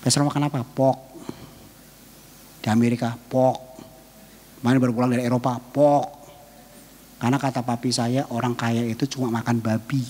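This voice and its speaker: A man preaching a sermon as pastor, telling emotional stories that rise to loud peaks and fall to soft asides. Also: medium pitch, slight background noise. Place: church hall. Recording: long reverb of a church hall.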